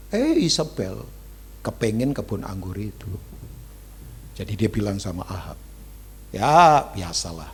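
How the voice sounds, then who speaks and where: Animated preaching man, lively pitch. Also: husky. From Indonesia. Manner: animated preaching, acting out quoted voices. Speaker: pastor. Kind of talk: sermon.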